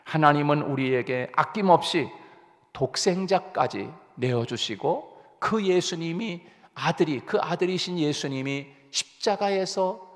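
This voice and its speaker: A male pastor delivering an early-morning sermon, telling a story earnestly and asking the congregation rhetorical questions. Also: a little high. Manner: earnest, rising emphasis, frequent hesitations. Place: church sanctuary. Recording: long church reverb.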